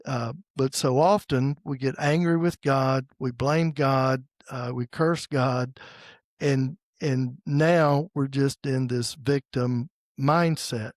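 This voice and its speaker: A man in his sixties from the United States, hosting a podcast in a casual faith conversation and pausing often with fillers and restarts. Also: medium pitch, fairly even intonation, dry recording, studio quality. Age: 60s. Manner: halting, with many fillers and restarts. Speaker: podcast host.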